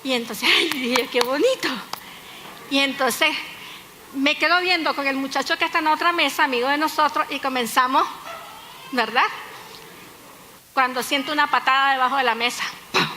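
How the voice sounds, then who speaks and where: Bright high-voiced woman pastor. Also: moderate pace, pauses often. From Nicaragua. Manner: lively storytelling with humor and asides to the congregation. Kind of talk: sermon. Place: church hall. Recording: echoey hall with faint noise.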